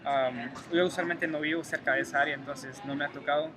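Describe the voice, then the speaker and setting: Answering an interviewer's questions, this young man from Guatemala pauses and hesitates a lot while thinking things through. He's a graduate student in his 20s with a Guatemalan Spanish accent, and his voice is fairly high, brisk, and fairly even in intonation. Crowd noise fills the room.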